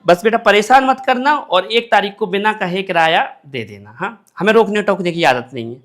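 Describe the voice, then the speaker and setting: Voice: medium pitch, expressive, normal speed, a bit bright. A comedy sketch performer bantering through a string of everyday household roles. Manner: playing several roles, bantering.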